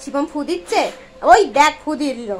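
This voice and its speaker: Very high-voiced woman coaxing her dog. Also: lively intonation, brisk, over loud music. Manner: coaxing, teasing, talks to the dog like a child. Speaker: dog owner filming her pet. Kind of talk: casual chat to her dog. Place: family home indoors.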